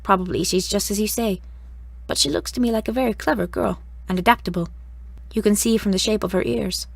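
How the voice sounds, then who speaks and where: A woman's voice: mid-range voice, fairly quick, gravelly, husky, no echo. A woman voicing a middle-aged woman of the house who soothes and agrees in a near-natural voice. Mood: placating.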